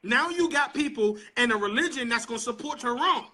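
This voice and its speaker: A man's voice: extremely high pitch, animated, brisk, sharp tone, slight background noise. A man who is a preacher, talking with passion and frustration in a Bible study discussion. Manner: impassioned, preachy, voices frustration.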